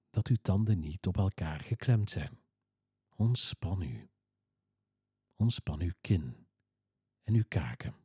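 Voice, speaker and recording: A man reading a guided relaxation exercise in a slow, soothing, calm way. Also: low voice, breathy edge, dry recording, clean studio sound.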